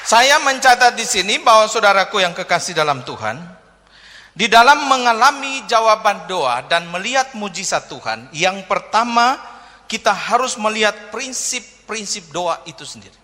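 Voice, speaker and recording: A pastor delivering a sermon, telling humorous stories and acting out quotes from people. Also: male voice, high-pitched, animated, moderate pace, pushed and bright. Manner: humorous storytelling with acted quotes. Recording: long hall reverb.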